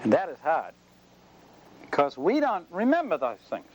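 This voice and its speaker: Earnest man preaching, slightly high voice. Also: huge pitch swings, unhurried, muffled recording, slight background noise. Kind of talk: sermon.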